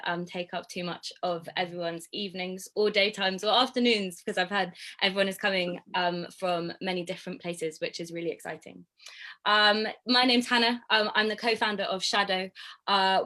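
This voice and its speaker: A woman's voice: mid-range voice, sharp tone. A woman hosting an online panel discussion over a video call, speaking with frequent ums in a friendly, organized way. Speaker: host.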